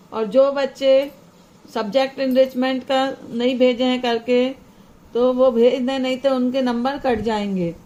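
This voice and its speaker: A woman teacher giving an online class lesson to young children, slowly and deliberately spelling out example words one by one. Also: fairly high pitch, warm tone, highs cut off.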